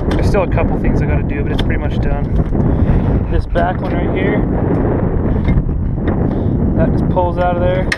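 A man talks through a casual, rambling walkthrough outside in open desert, filling gaps with ums and uhs. His voice is a bit high and flat, with little rise or fall. Clear wind and outdoor noise sits under it on the camera mic. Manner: rambling, many fillers, hands-on. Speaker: vlogger showing his trailer. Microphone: head-mounted action camera.

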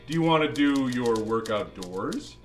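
A man's voice: medium pitch, lively intonation, unhurried, faint music behind, close to an everyday voice. A man playing a jolly old Santa Claus, reading a children's storybook aloud with playful, musing asides to the kids. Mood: playful, animated. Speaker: storybook reader.

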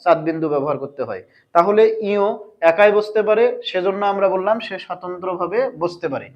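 A man's voice: high voice, fairly quick, muffled recording. A man teaching a language lesson, asking his viewers questions and answering them himself. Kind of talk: explanatory grammar lesson.

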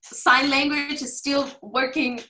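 A young woman from Russia talking as an interview guest, relaxed, with lots of "like" and "kinda". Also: high-pitched, slow, echoey room, low-quality recording. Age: young adult. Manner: relaxed, many fillers like "like" and "kinda". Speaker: guest, former student. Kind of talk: casual interview chat.

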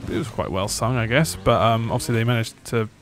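A man's voice: mid-range voice, quick pace, a little hiss or hum. A man co-hosting a casual gaming video, joking and swearing through the banter. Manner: jokey, swears a lot, lively delivery. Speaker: gaming channel co-host.

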